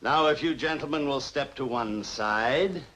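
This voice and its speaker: An actor playing a coolly menacing gentleman villain in a 1940s horror mystery, formal and mockingly polite, on a noisy old film soundtrack. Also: mid-range voice, a little slow, lightly acted. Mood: smug menace.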